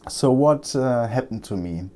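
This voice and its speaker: A German repair technician with a German accent chats casually through a laptop repair at his bench for a vlog. His mid-range voice is lively and slightly mellow, though his speech halts with frequent ums and uhs.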